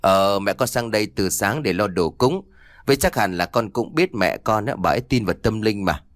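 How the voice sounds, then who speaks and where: A man's voice: fairly low pitch, lively intonation, normal speed, no room sound, clean studio sound, lightly acted. A man reading the lines of a cheerful, doting middle-aged father in an audiobook, talking in a chatty, fatherly way.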